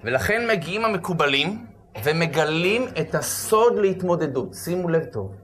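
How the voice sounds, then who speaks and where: A man preaching as a rabbi, telling a story with acted-out shouts and sudden loud bursts. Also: on the high side, expressive. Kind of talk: animated storytelling sermon.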